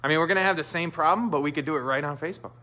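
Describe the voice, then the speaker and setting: A man's voice: a little high, rapid-fire, bright, forceful tone. A man hosting a live stream in casual, joking banter, talking through a face mask. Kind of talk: casual chat.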